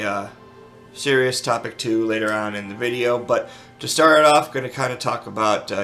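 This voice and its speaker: A man's voice: fairly low pitch, a bit bright. A man talking to camera in a casual vlog recap, rambling with many ums and restarts, sleep deprived. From Arizona, US. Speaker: gaming video creator.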